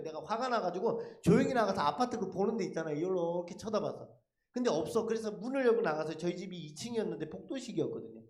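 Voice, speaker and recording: A man with a high voice and big, lively swings in pitch tells his testimony at a church service like a dramatic story. He keeps throwing rhetorical questions at the congregation. His voice rings through a roomy, echoey church. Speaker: lay speaker giving a testimony. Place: church sanctuary.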